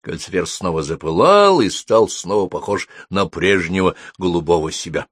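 A man narrating a storybook as an audiobook, with expressive storytelling. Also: low voice, normal speed, husky, dry recording, clean studio sound.

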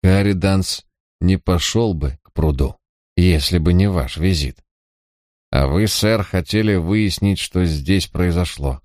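A man's voice: low voice, slow, a little mellow, no echo, clean studio sound. A man voicing a cautious village priest who speaks carefully and persuasively. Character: cautious male village priest, middle-aged.

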